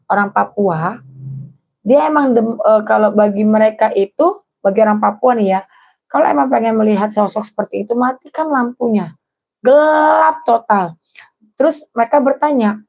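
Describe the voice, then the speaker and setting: A young adult woman casually telling her own true horror stories to viewers on a live stream, in a chatty, slangy way. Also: medium pitch. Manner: chatty, slangy, lively storytelling. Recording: dull lo-fi stream audio.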